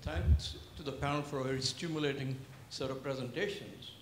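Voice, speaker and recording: A man's voice: medium pitch, fairly even intonation, brisk. A man from the audience making a formal, articulate point to a panel. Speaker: audience member asking a question. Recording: roomy with faint noise.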